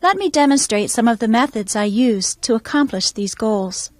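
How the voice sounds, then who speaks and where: A woman music teacher explaining her methods in a calm, measured instructional voice-over. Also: on the high side, no echo.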